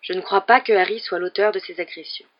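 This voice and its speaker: A man voicing an old wizard headmaster who speaks calmly and gently, in a storybook reading. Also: sits high, quick pace, dull audio, lightly acted. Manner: calm and gentle. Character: old male headmaster wizard, calm and grave.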